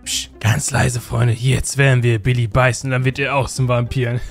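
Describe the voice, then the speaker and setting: A man hosting a Minecraft role-play let's play, talking excitedly and constantly to his viewers. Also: medium pitch, takes it slowly, gravelly, faint music behind. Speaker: host.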